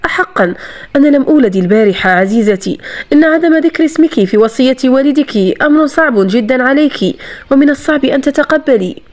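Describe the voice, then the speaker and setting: A woman's voice: high-pitched, lively intonation, a little fast, darkish tone. A woman reading the part of a cold, mocking aristocratic man in a novel, with curt, sarcastic delivery.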